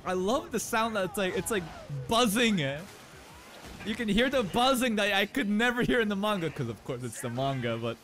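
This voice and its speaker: A young man hosting an anime reaction video, talking casually with slang and swinging between loud outbursts and low muttered asides into a studio mic. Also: expressive, moderate pace, soft background music. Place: small bright indoor room. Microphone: large studio mic on a boom arm.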